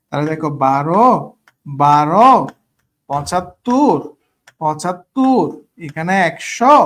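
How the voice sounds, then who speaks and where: A man tutoring math, talking casually, often checking if students understand and mixing in English words. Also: fairly high pitch. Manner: mixes English words into speech. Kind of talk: online class teaching.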